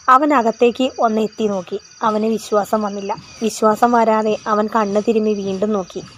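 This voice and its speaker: A woman narrating a story in a steady, expressive reading. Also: mid-range voice, dull audio, slight background noise.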